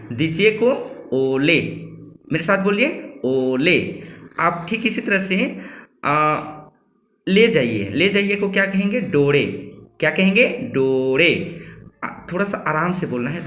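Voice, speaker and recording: A man teaching a spoken language lesson, slowly and patiently repeating words and asking listeners to say them after him. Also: a little high, fairly bright tone, reverberant. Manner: slow, careful, patient, repeating words for learners.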